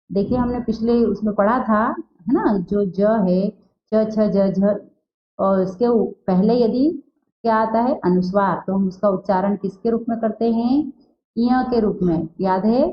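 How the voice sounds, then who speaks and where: A woman teaching a Hindi class, who asks a question and answers it herself, and slowly repeats words to show how they are said. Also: medium pitch. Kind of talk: recorded class lesson. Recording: dull lo-fi sound in an echoey room.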